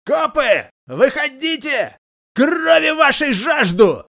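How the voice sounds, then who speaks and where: A man voicing a hoarse, bloodthirsty male gang thug who yells taunts from a distance. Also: extremely high pitch, big pitch swings, slow pace, pitched above the performer's own voice, heavily acted. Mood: taunting. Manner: shouting taunts from afar.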